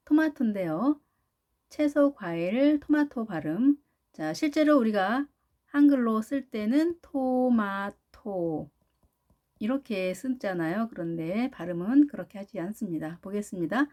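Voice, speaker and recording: A woman's voice: mid-range voice, mellow. A woman with a Korean accent teaching pronunciation, sounding out words syllable by syllable in a careful lesson style. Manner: drawn-out syllables sounded out one by one.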